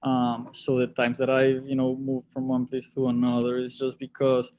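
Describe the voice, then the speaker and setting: A man's voice: mid-range voice, completely flat delivery, moderate pace, warm tone. A man, a guest answering interview questions over a video call in a thoughtful way, often restarting his sentences. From Colombia. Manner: thoughtful, with frequent restarts and repeated words. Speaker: sports league executive guest.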